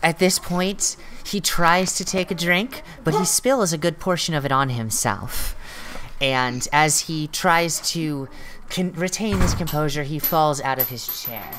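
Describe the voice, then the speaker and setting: A woman's voice: sits low, measured pace, background noise. A woman running a tabletop game as game master, narrating events informally and reacting to dice rolls.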